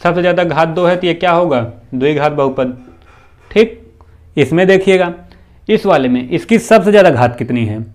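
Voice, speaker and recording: A male math teacher giving a slow, repetitive classroom lesson, posing questions to the students and answering them himself. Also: on the high side, expressive, a little mellow. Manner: often adds "bhaiya" and "theek hai na".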